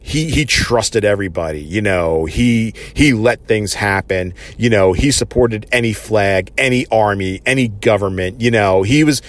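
Male reviewer, lowish voice, loose unscripted episode recap full of fillers. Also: moderate pace, few pauses. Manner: rambling, lots of "you know" and "uh" fillers.

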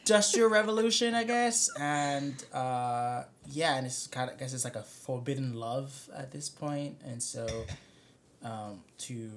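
A man's voice: medium pitch, unhurried, slight background noise. A young man hosting a podcast in casual chat, summarizing loosely and hedging with many fillers. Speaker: podcast host.

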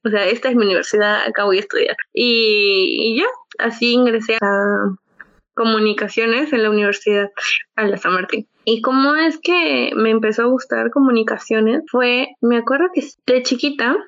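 A young woman recounts a personal story in a casual chat, her voice sitting a bit high. She tells it with animation, reliving moments with bursts of excitement. The recording is dry and somewhat dull, like a lo-fi mic. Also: normal speed, dry recording. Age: young adult.

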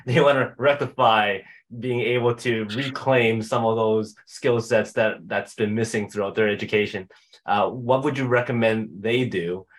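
Male podcast host at an ordinary pitch, putting questions to a guest. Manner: asks questions with small restarts. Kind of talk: interview questions.

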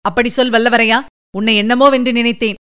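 A fiery, impatient young army commander, as a woman reader puts him on, firing off heated, urgent questions. The voice sits a little high and stays smooth and clean throughout. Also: fairly even intonation, fairly quick, fairly bright tone, natural voice.

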